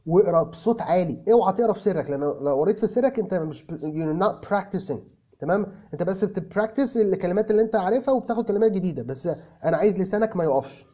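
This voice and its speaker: An Egyptian man talks fast and casually, answering viewers by name and mixing Arabic with English phrases. His voice sits high but sounds dark and mellow. The recording is dull and lo-fi, made in a car. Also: animated. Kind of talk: casual chat.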